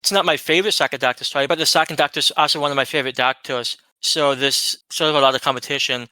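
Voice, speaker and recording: Measured male co-host with a bright, smooth, resonant voice. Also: medium pitch, steady tone, dry recording. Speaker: podcast co-host. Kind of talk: casual chat.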